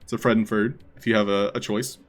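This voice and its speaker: A man's voice: on the low side, level tone, fairly quick, faint music behind. A man hosting a live stream, chatting casually with his viewers.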